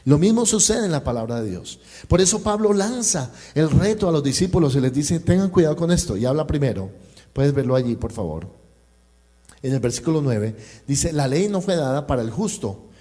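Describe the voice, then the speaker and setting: Colombian pastor guy preaching, telling a story and acting out the bits, warm low-key tone. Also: expressive, brisk. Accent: Colombian Spanish. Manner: storytelling, acting out dialogue and addressing the congregation. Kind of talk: sermon with personal anecdote. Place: church service.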